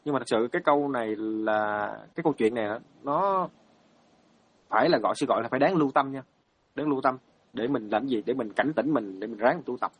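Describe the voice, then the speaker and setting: Male monk, halting dharma storyteller, middle-pitched. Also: husky, muffled recording. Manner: hesitant, many fillers and repeated words. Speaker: Buddhist monk.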